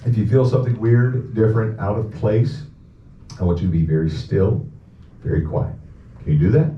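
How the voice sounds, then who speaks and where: During a live hypnosis comedy show at an indoor venue, a man banters with the crowd, crude and full of profanity. His fairly low voice has lively intonation and a moderate pace. Because it's filmed on an audience camera far from the stage, the audio is echoey, muffled, distant, and noisy.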